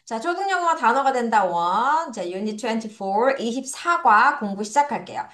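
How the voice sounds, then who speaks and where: Pitched fairly high and a bit bright, this young woman speaks at a moderate pace with lively intonation. In her recorded English lesson for children she stays friendly, calls the students friends, and drills pronunciation through repetition.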